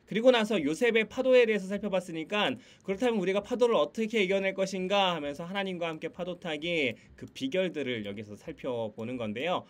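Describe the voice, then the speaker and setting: A man's voice: high voice, a little fast, hardly any pauses. A man on a video call walking teachers through a children's Sunday school lesson and quiz games, laughing often and teasing in a playful game voice. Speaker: Sunday school curriculum presenter. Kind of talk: online teacher training. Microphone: computer mic on a video call.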